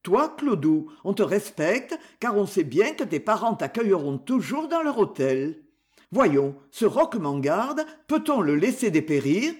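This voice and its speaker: A male reader voicing an agitated older uncle who blusters and coaxes, in an animated way. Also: sits high, a little slow. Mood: coaxing.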